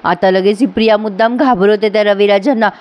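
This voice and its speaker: A woman's voice: mid-range voice, fairly even intonation, fairly quick, lo-fi sound. A woman reviewing a TV serial in a chatty, amused voice-over recap, teasing the characters.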